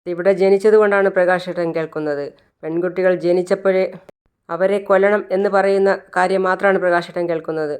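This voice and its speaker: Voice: mid-range voice, steady tone, a little fast, smooth, close to an everyday voice. A narrator voicing a defiant young pregnant wife who stands up to her husband, in a retold TV serial.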